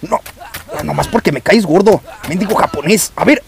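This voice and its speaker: A man with a Mexican Spanish accent giving excited gameplay commentary as a YouTuber, taunting opponents and yelling at the screen. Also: high voice, normal speed, creaky. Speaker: gaming YouTuber.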